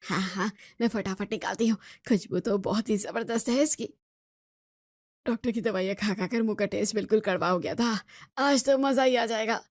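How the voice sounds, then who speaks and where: A woman's voice: high-pitched, normal speed, vocal fry, no echo, studio quality. A woman voicing a sneaky, fussy mother-in-law in her sixties. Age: 60s.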